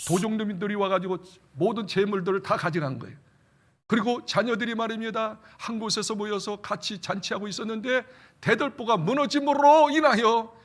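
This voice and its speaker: High bright-voiced preacher. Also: male voice. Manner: animated, asks the congregation questions and answers them; calls for amens. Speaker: senior pastor. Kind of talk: sermon. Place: church sanctuary.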